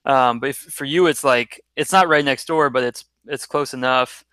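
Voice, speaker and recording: A man's voice: medium pitch, normal speed, pushed and bright, clear, resonant tone, no echo. A man hosting a casual interview with a former student, asking friendly, rambling questions. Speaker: interview host, former teacher. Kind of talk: casual video-call interview.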